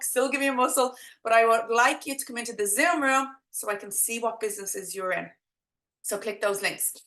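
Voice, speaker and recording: A woman's voice: a little high, bright, forceful tone, echoey room. A woman with a thick Dublin accent presenting an informal live online workshop as a coach, chatting directly and encouragingly to her viewers.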